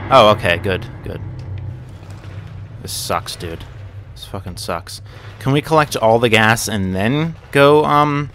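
A young gaming channel host does let's play commentary on a horror game, rambling, swearing and muttering to himself, then yelping and cursing at jump scares. His voice is lowish and a bit bright, with slight background noise.

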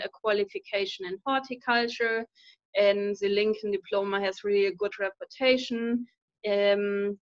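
Speaking at medium pitch without echo, a German-accented woman in her thirties, a university lecturer, gives earnest interview answers full of fillers and restarts. She's on a video call from a room at home, heard through her laptop webcam mic in dull, lo-fi audio.

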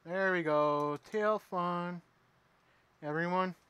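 High-voiced man streaming a retro game. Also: slow pace, smooth, dry recording. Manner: chatty, reacting out loud and answering viewers' chat. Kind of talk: casual live gameplay commentary.

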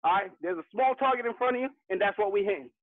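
High-voiced male boxing coach calling combos. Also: animated, rapid-fire, dry recording. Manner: informal, encouraging. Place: online group video class. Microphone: video call. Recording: tinny phone-like video-call audio.

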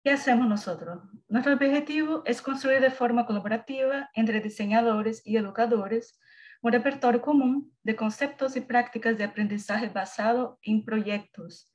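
A woman from Brazil with a Brazilian Portuguese accent presents prepared slides on a video call, in halting Spanish mixed with Portuguese. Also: a little high. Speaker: academic researcher presenting.

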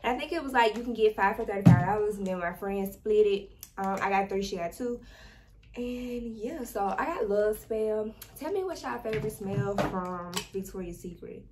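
A young woman chatting casually to her viewers, informal and easygoing, at a mid pitch. She talks into a camera set up across a small bedroom. The recording carries a steady, clearly audible noise underneath. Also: normal speed. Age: young adult. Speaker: vlogger. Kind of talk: casual haul vlog chat. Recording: noisy background hiss.

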